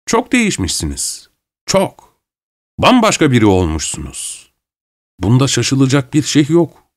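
A man reading an audiobook, voicing an irritable, suspicious middle-aged gentleman who talks bluntly and sharply. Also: medium pitch, huge pitch swings, unhurried, voice pushed up. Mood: irritated.

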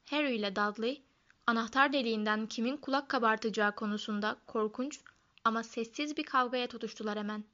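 A woman giving expressive scripted audiobook narration. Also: a little high, a little fast, muffled recording.

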